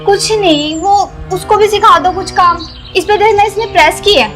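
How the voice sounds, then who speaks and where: An impatient, sharp-tongued employer, played by a woman with a very high voice. She scolds irritably, with faint music behind her. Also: normal speed. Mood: irritable.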